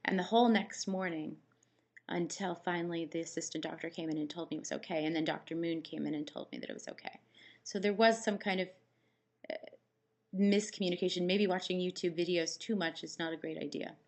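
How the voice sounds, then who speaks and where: Lower-pitched woman chatting with a dry mouth. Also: fairly even intonation, brisk. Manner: rambling, anecdotal, acts out quoted exchanges. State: dry mouth, recovering the day after surgery. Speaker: vlogger. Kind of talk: casual chat to camera, personal storytelling.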